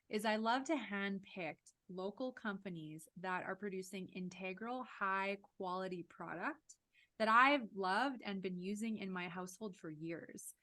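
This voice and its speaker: Woman in her thirties, enthusiastic host, mid-pitched voice, webcam interview. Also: bright, forceful tone. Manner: enthusiastic, upbeat. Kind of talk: casual interview over video call. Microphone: video call webcam.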